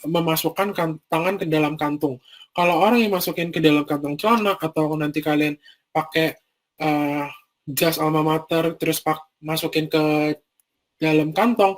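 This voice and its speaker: A young man with a Bandung Indonesian accent gives a casual training talk to a youth group. He explains things step by step, with many fillers. His voice sits a little high for a man.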